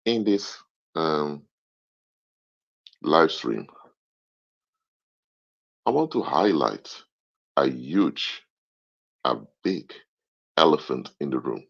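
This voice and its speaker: A very deep, gravelly-voiced man, an anthropologist from Curaçao raised in the Netherlands whose first languages are Papiamento and Dutch, hosts a casual live stream monologue. He is animated yet extremely slow, pausing often, explaining things while repeating and restarting phrases. The stream audio is dull and lo-fi.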